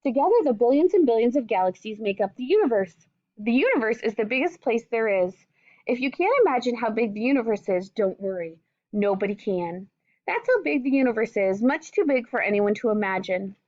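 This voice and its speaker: Reading aloud to young children, a woman with a fairly high voice goes a bit quickly, keeping her delivery expressive and her phrasing simple, with teacher-style asides. The audio has no echo, and its highs are cut off.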